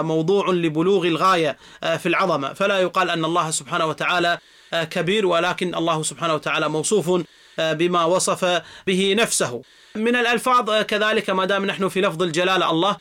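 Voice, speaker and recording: Fast, high-voiced man giving a religious lecture. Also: bright, forceful tone. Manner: earnest, didactic, frequent drawn-out "aah" fillers. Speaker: Islamic religious teacher.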